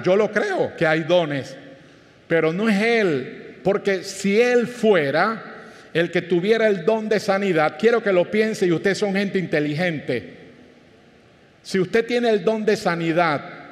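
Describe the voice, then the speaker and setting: A man's voice: high voice, in a large hall. A man with a Panamanian Spanish accent, a pastor preaching a sermon in a conversational way, with anecdotes and questions to the congregation.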